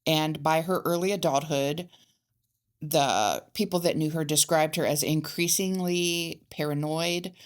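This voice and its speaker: A woman's voice: sits low, measured pace. A woman co-hosting a casual true-crime podcast, reading case facts with hesitant fillers. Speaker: podcast co-host telling the case.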